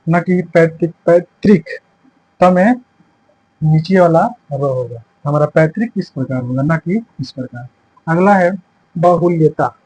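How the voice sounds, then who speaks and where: A man's voice: a little high, darkish tone, husky, low-quality recording. A man teaching a lesson for exam preparation, explaining each point step by step and repeating the answers as quiz questions. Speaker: Hindi teacher.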